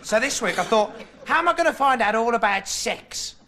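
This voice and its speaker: A bumbling would-be TV reporter. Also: male voice, extremely high pitch, lively intonation, normal speed, heavily acted. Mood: rambling. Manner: meandering, hesitant, full of ums and rights. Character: dim, rambling young male self-styled investigative reporter. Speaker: comic TV character monologue. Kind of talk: deadpan rambling comic monologue. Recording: loud studio audience laughter, noisy old TV tape. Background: audience laughing.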